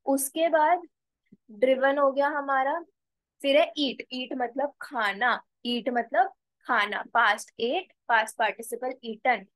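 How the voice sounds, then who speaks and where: Higher-pitched woman teaching slowly. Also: a bit bright, dry recording, low-quality recording. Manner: slow, repeats words and spells them out letter by letter. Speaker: English teacher. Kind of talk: spoken language lesson.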